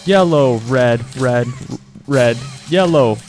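An amused, jokey man hosting a gaming video, exclaiming and yelling excitably as he comments on the gameplay. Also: medium pitch, slow, faint music behind.

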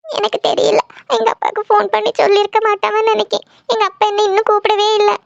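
A squeaky, very high young cartoon woman who rattles off her words between sobs, as a voice actor plays her. The tone is gravelly underneath, and the sound is dull and lo-fi. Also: monotone, fast talker, no room sound. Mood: upset. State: crying. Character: young woman in love, tearful and upset. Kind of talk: cartoon voice acting.

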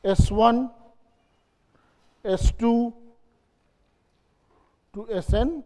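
A man's voice: extremely high pitch, drawn-out words, darkish tone. A man giving a classroom lecture, repeating key phrases and quizzing his audience. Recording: long hall reverb.

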